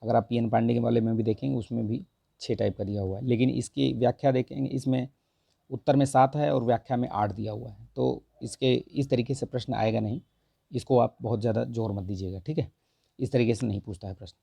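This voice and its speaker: Hoarse man teaching Hindi grammar. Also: medium pitch, steady tone, fairly quick, warm tone, no echo. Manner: repeats "theek hai" constantly, corrects answers with mild humor. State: hoarse, sore throat. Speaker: exam prep teacher. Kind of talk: Hindi grammar lesson, going through a test.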